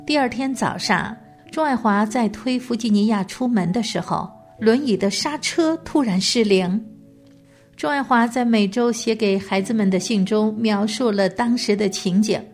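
Woman host reading a biography on air, calm steady storytelling, soft music underneath. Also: medium pitch. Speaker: radio program host. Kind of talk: scripted biography narration.

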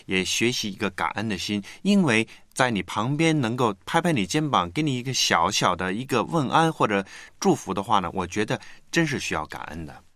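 A low-voiced man co-hosts a faith radio program, reflective and gently encouraging. His pitch swings up and down a great deal as he talks. The sound is close and dry. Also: sing-song, fairly quick, few pauses, no echo. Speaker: radio co-host. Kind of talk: casual faith radio chat.

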